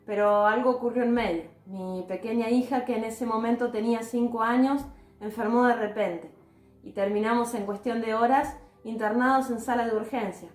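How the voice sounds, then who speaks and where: A woman giving a devotional talk with a personal testimony, in an earnest, calm and measured way. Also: on the high side. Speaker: devotional speaker. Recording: roomy echoey recording.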